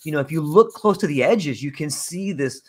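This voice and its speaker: An older man, talking in a loose, animated way full of fillers, on a video call from home. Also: a little high, moderate pace, slightly rough. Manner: animated, rambling, many fillers. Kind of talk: casual conversation.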